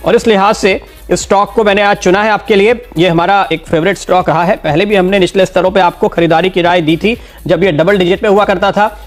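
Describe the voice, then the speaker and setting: A man giving a steady stock market analysis and talking straight to viewers, explaining why he recommends each share. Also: high voice, fairly quick, faint music behind.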